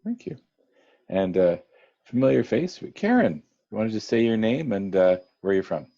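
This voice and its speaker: A man's voice: lowish voice, very animated, moderate pace, vocal fry, dark tone, highs cut off. A man emceeing a virtual dinner over a video call, chatty, calling on guests by name. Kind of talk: casual virtual meeting hosting.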